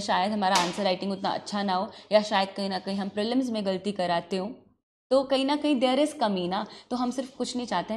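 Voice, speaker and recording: A woman's voice: medium pitch, a little mellow. Earnest woman law teacher. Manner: earnest, scolding yet caring, mixes Hindi and English. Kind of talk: classroom talk to students. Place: classroom.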